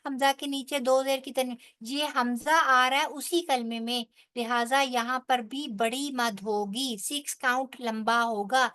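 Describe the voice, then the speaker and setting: Teaching tajweed in a high, bright voice, a woman takes her time, laying out each rule of Quranic recitation step by step before slowly reciting the words. She frequently checks on her listeners with a "theek hai."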